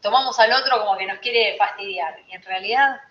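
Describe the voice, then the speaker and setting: A woman with a Rioplatense Spanish accent and a medium, slightly quick voice teaches astrology to a group in an informal, conversational way, frequently checking in with her listeners. The room is echoey, and the recording sounds roomy and a bit dull.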